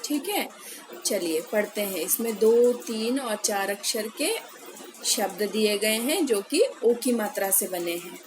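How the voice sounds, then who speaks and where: This medium-pitched, animated woman is a primary school Hindi teacher running a phonics lesson for young children, with background noise audible. She goes slowly and patiently, drawing out and repeating each word, and frequently checks in with her pupils by saying "है ना".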